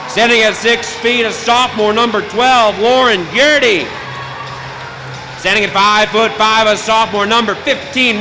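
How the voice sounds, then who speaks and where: A man working as a public address announcer, calling starting lineups like a stadium announcer, echoing through a gym. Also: very high-pitched. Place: indoor basketball gym over PA. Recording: echoing gym PA, loud crowd noise.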